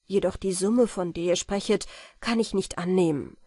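A woman's voice: lowish voice, normal speed, warm tone, breathy edge, no echo, studio quality. A woman voicing a modest, noble-minded young man who speaks formally and politely. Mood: earnest. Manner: formal, polite, old-fashioned speech.

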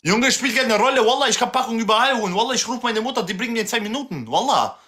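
Young male streamer, forceful bright voice, pushy slangy banter. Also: very high-pitched, animated, quick pace. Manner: street slang, insistent, repetitive. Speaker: live streamer. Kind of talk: heated casual livestream banter.

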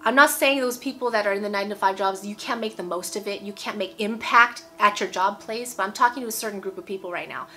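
Bright, emphatic woman in her forties preaching. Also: mid-range voice, fast talker, hardly any pauses. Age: 40s. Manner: emphatic, repeats phrases, asks "okay?". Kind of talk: casual video sermon. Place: indoor room at home.

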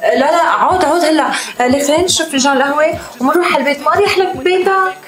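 A woman plays a quick, scolding young woman at dinner. Her voice sits high and the words rush out. A roomy echo and music sit behind her. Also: lightly acted. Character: sharp-tongued young woman on a dinner date.

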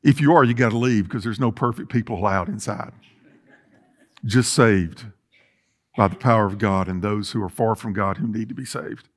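A middle-aged man, a pastor, gives a sermon at a normal speed in a fairly low-pitched voice. He paces and gestures in a large indoor sanctuary with rows of chairs, making earnest restarts.

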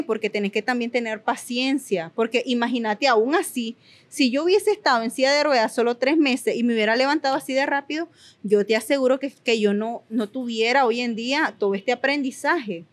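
A woman's voice: on the high side, moderate pace. A young woman giving earnest, emphatic personal testimony in an interview, repeating words for emphasis. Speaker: guest sharing her story.

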